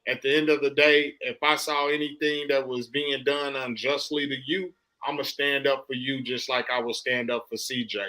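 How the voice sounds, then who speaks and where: A man's voice: mid-range voice, flat delivery, moderate pace, few pauses, pushed and bright, poor audio. A man hosting a podcast, delivering an impassioned, emphatic soapbox monologue in casual, slangy, profane speech, often repeating himself for emphasis. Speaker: podcast host.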